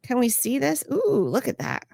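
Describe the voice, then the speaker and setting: Woman doing news commentary on a stream, sarcastic little asides, kinda high pitched, dead dry sound. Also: wildly swooping pitch, normal speed, vocal fry, mellow, no echo. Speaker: host.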